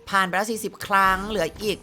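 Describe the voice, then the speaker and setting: A woman's voice: mid-range voice, steady tone, quick pace, bright, forceful tone, faint music behind. A woman streaming a slot game, chatting playfully with her viewers and exclaiming at each spin in casual gameplay commentary.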